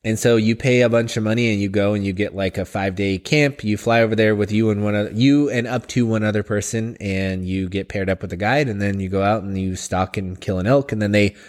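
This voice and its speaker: A man's voice: fairly low pitch, fairly even intonation, a little fast, hardly any pauses. A man co-hosting a podcast in casual chat, dry and a bit sarcastic. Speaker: podcast co-host.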